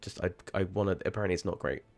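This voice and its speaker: Low-pitched and talking very fast, this man is streaming a game and chatting casually. His livestream talk is rambling and full of swearing, punctuated by sudden startled outbursts.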